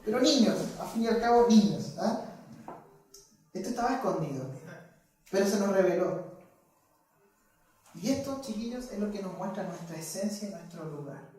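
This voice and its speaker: A man's voice: high voice, animated, moderate pace, long pauses, a little mellow. A man, preaching a sermon with emphatic rhetorical questions and repeated phrases. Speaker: preacher leading a Bible study. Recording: echoey hall, mic at a distance.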